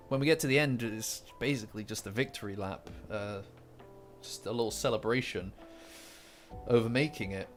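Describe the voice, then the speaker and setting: A man hosting a casual livestream, rambling with many fillers, repeated words and restarts. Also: mid-range voice. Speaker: manga commentary livestream host. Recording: faint lofi music behind. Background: faint lofi guitar music.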